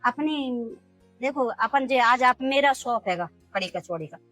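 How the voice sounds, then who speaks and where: A woman's voice: on the high side, lively intonation, a little slow, fairly bright tone, dry recording, faint music behind, low-quality recording. A middle-aged woman street food vendor telling her story earnestly in an interview, acting out the dialogue. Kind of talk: emotional personal interview.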